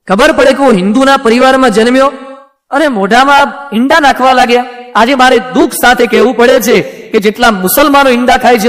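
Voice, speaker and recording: A male monk preaches to a gathered audience in a very high voice, urging and questioning his listeners as he goes. His sermon carries a long reverb from a large hall. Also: a bit bright. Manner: exhorting, rhetorical questions. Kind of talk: sermon with storytelling.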